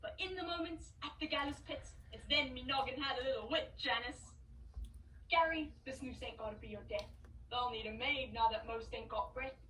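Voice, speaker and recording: A woman's voice: sits high, normal speed, pushed and bright, echoey room, recorded from a distance, a little hiss or hum, low-quality recording. Woman playing a cheeky Cockney clown. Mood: chatty. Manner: rhyming, chatty, boastful. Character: scrappy cheeky male Cockney street clown. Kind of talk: stage play acting.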